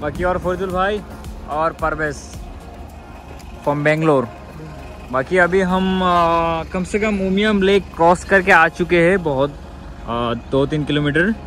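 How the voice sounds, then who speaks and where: Young male vlogger, casual and upbeat, talks to camera on a phone, slightly higher voice over soft background music. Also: slow. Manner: chatty, addresses viewers as guys, upbeat. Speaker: travel vlogger. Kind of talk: casual travel vlog narration. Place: inside a car, then outdoors at a scenic viewpoint. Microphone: phone camera held at arm's length.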